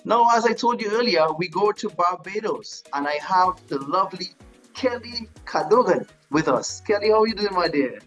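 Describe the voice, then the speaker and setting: A man's voice: high voice, lively intonation, normal speed, a bit bright, faint music behind. A man hosting a gospel TV interview show, upbeat and chatty, laughing between his questions. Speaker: TV show host.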